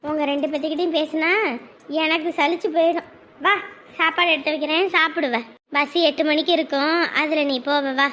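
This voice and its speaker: A weary mother calming her bickering sons, played by a woman. Her voice sits high, with a gentle scolding manner. This is family comedy sketch acting. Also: a little fast. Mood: tired. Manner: soothing, scolding.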